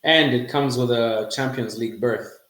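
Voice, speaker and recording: A man's voice: mid-range voice, normal speed, a bit bright, roomy sound. A man hosting a casual football podcast, chatting loosely and laughing now and then. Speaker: podcast host.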